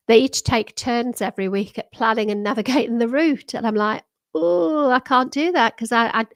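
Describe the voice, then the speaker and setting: A retired British woman in her sixties hosts a livestream, chatting casually with viewers in a fairly high voice that sounds a little worn as she slightly loses it. She rambles with lots of ums, restarts and laughter. The recording is dry, made on a desktop microphone.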